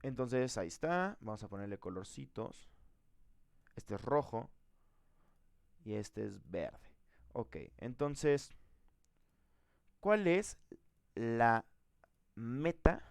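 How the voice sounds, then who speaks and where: A man leads a live programming lesson, his voice carrying a gravelly edge. He thinks out loud and keeps checking in with the class through quick questions. The sound is dry and close. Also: mid-range voice, big pitch swings, no echo. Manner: thinks aloud, quizzes the class, frequent "¿va?". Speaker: programming teacher.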